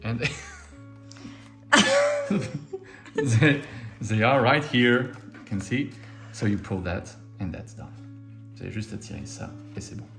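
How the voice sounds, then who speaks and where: This RC model hobby video host, a Frenchman, speaks on the low side at a measured pace, his tone a bit bright, while soft music plays behind him. Relaxed and self-mocking, he walks through the model assembly step by step, saying each one in two languages. The room has an echo.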